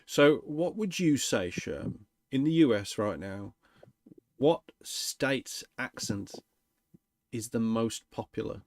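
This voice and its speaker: A man talks easily as a livestream co-host, relaxed and chatty. His voice sits at an everyday middle pitch. The sound is dry and close, with no room around it. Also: slow pace, dry recording. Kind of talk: casual chat.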